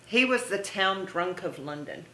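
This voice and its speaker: A woman's voice: on the low side, lively intonation, a little slow, a bit bright. Effusive middle-aged woman in echoey room. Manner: effusive, laughs often, gushing praise. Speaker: interview guest, theme park haunt performer. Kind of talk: casual interview reminiscence.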